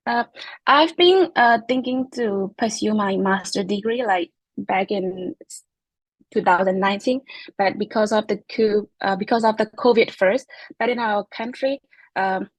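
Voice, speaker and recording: An international graduate student, a young Chin-speaking woman from Myanmar with a Burmese accent, answers interview questions hesitantly and with many fillers. Her voice is medium-pitched and her pace measured. The recording is dry and the audio poor.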